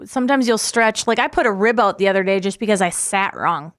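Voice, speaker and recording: A woman's voice: mid-range voice, a little fast, a bit bright, no echo, studio quality. A woman co-hosting a talk show, chatting casually and joking back and forth with her co-host. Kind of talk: casual chat.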